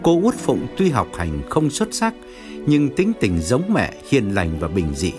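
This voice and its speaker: A man narrating an audiobook story with expressive storytelling. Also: medium pitch, measured pace, music in the background. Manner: expressive, wide-ranging storytelling.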